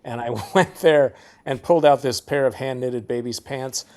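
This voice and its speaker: A man's voice: medium pitch, moderate pace, darkish tone. A middle-aged man from the Seattle area, a guest musician in a casual interview, rambling through stories and laughing often.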